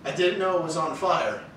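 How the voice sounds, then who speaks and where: A young man casually telling jokes and bantering with a friend, bro-ish and quick to laugh. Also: on the high side. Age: young adult. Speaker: contestant in a try-not-to-laugh joke challenge. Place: living room couch, indoors. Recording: echoey room, distant mic, faint noise.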